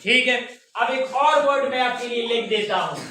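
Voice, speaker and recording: An English teacher with a very high-pitched voice gives a class a pronunciation lesson at normal speed, drawing words out syllable by syllable and quizzing students. He sounds far away in a very echoey room with background noise.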